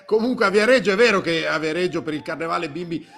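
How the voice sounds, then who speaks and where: A man's voice: high voice, fast talker, vocal fry, a bit bright. A man hosting a comic live stream with colloquial, exasperated interruptions. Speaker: host.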